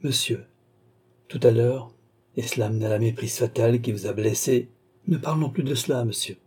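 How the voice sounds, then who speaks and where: A grave, composed doctor speaks in calm, measured, gentle tones, as a male audiobook reader puts him on. The voice is mellow and a little husky. It sounds like a storybook reading. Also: medium pitch, natural voice.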